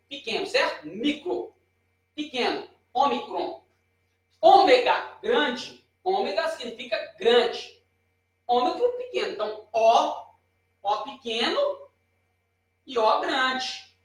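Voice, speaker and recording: A man's voice: extremely high pitch, recorded from a distance. A man with a Brazilian Portuguese accent giving a chatty, informal lesson at a board, pointing and correcting himself as he explains. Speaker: teacher. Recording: very echoey room, voice off-mic.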